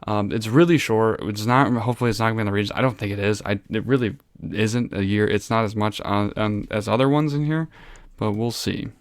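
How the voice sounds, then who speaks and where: A man's voice: fairly low pitch, brisk, no echo. A male history teacher giving a casual, rambling exam review from his room at home, easily sidetracked and poking fun at himself. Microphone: desk microphone.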